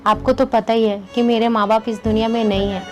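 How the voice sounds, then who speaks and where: A woman's voice: fairly high pitch, flat delivery, fairly quick, darkish tone, natural voice. A woman playing a young wife who puts up with mistreatment, speaking in a pleading, resigned way in an amateur family drama. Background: background music.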